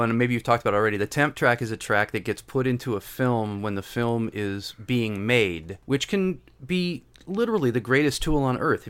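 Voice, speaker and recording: A man's voice: medium pitch, fairly bright tone, clean tone. A middle-aged man, a guest composer, chatting casually on a podcast and drifting into wry, rambling stories from his work. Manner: storytelling, digressive, wry.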